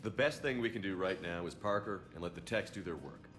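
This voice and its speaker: An actor playing a calm male military commander with dry humor. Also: deep voice, a little fast, soft background music.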